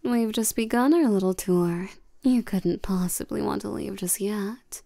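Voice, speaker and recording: In a scripted roleplay audio drama, a woman plays a regal, seductive vampire queen who dominates the listener, coaxing and commanding with soft menace. Her mid-range voice is creaky and unhurried, smooth and probing in mood, recorded in a clean studio with no echo.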